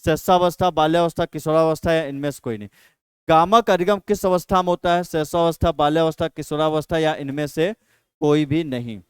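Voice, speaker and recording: A man's voice: a little high, steady tone, a little fast, smooth, no room sound. A man teaching an exam practice lesson, repeating each question and then answering it himself.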